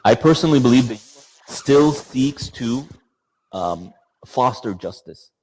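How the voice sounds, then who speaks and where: A man's voice: medium pitch, expressive, unhurried, a little mellow, a little hiss or hum. Passionate man lecturing in a reverberant hall. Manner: passionate, rhetorical questions. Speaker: speaker giving a talk. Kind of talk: lecture with audience Q&A.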